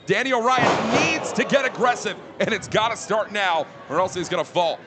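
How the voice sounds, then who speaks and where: A man's voice: high voice, moderate pace. A man giving emphatic, opinionated colour commentary as a wrestling commentator. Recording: very noisy, loud crowd. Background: loud crowd.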